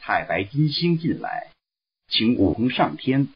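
Slow, expressive male storyteller. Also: medium pitch, creaky, breathy edge. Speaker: story reader. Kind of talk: Chinese storybook read-aloud. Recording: dull lo-fi recording.

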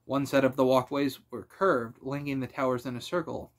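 Male narrator for a fantasy audiobook, steady and even, mid-range voice. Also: medium pitch, normal speed. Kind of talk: fan audiobook reading.

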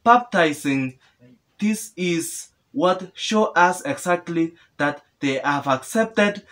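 A young adult preacher gives an earnest sermon to camera in a small indoor room with a sofa. He asks questions and answers them himself, often repeating and restarting phrases. His voice is a little high and fairly bright.

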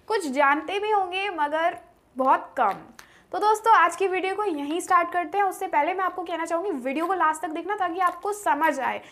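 A woman's voice: extremely high pitch, fairly bright tone. A young woman hosting a tech video, walking viewers through phone settings step by step in a friendly tone.

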